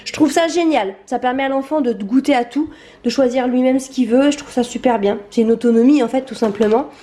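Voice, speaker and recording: Woman in her thirties, out of breath, high voice, chatty and enthusiastic, home vlog, handheld camera. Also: brisk, mellow. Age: 30s. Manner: chatty, enthusiastic, many fillers. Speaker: vlogger.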